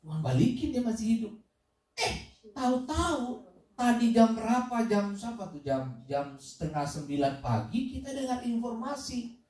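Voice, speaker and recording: A man preaching a sermon as pastor, telling a story with lively repeated phrases and sudden loud questions. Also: very high voice, normal speed. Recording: echoey room, voice from a distance.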